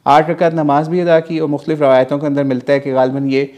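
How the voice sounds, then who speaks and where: A man's voice: a little high, flat delivery, fast talker, darkish tone, dull audio. A man from Pakistan giving an Islamic history class, retelling events in a storytelling way, asking and answering his own questions and mixing in English words. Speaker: religious teacher.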